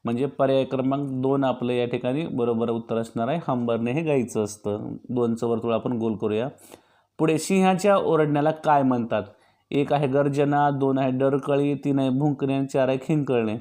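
A man's voice: mid-range voice, fairly even intonation, normal speed, dark tone. A man teaching young pupils, going through each quiz option and patiently answering his own questions. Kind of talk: exam-practice lesson for young pupils.

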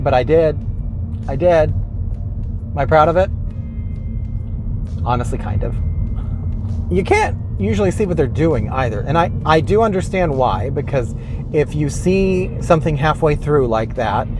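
A man hosting his own vlog, complaining in a rambling, self-mocking way with many restarts while driving his car. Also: a little high. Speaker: vlog host. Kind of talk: casual comedic rant.

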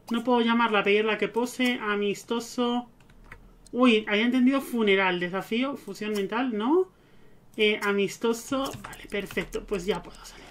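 A man's voice: sits high, a bit bright. A man giving casual gameplay commentary, chatting to his game characters. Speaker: let's play gamer.

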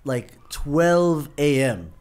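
A man hosting a casual football podcast, teasing his friends with animated, laughing banter. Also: on the high side, drawn-out words, clear, resonant tone. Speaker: podcast host.

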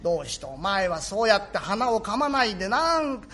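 A man's voice: sits high, sing-song, moderate pace, sharp tone, exaggerated voice. A man voicing a hardworking mother who nags her son, in old speech. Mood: nagging. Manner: nagging, exasperated. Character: scolding mother, hardworking, fussy. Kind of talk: rakugo storytelling.

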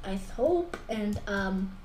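A young woman playing along with her friend in a casual gaming video, giggly, excitable and quick to laugh at herself. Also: mid-range voice. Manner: giggly, excitable, self-mocking. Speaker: co-player friend. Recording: echoey room with faint noise.

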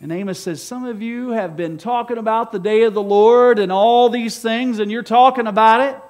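High-pitched guy preaching in church, goes from hushed asides to loud and fired up. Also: moderate pace. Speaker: pastor. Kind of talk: live sermon. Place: church sanctuary.

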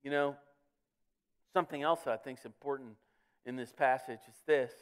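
A man with a smooth, mid-range voice at a moderate pace preaches earnestly in a church sanctuary. Words get repeated again and again as he builds his points, with emphasis swelling on the key ones.

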